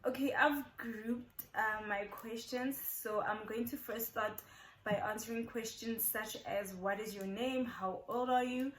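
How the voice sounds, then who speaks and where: This South African YouTuber in her twenties has a fairly high, steady, fairly bright voice and speaks at a measured pace. She chats casually to her channel in a get-to-know-me video, repeating points for emphasis. The room is echoey and there's slight background noise.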